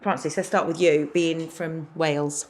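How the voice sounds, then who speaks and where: A woman's voice: sits low, steady tone, moderate pace, darkish tone. A woman in her thirties with an Essex accent, hosting a podcast in a bubbly, gushing way. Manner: bubbly, gushing, laughs often. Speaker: podcast host. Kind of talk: upbeat podcast chat.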